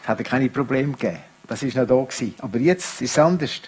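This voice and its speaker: A middle-aged man preaching a sermon, moving between quiet, reflective passages and raised, emphatic speech. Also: medium pitch, expressive, fast talker, slightly rough.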